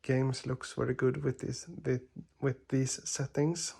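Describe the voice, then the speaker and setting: Recorded on a camera mic in his dark living room, a man from Sweden reviews a TV in a relaxed product demo. English isn't his first language, as he grew up speaking Swedish, so he talks slowly and carefully, with lots of fillers, restarts and apologies. His gravelly voice has a creaky edge and a level, unchanging pitch.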